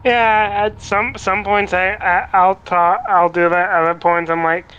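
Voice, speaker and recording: Slow, clear, bright male voice chatting. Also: sits high, little pitch movement, muffled recording. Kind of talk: casual chat.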